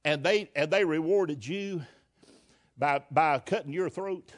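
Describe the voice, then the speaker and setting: A man's voice: on the high side, slow pace. A man preaching a fervent, folksy sermon, firing rhetorical questions and repeating words as he builds.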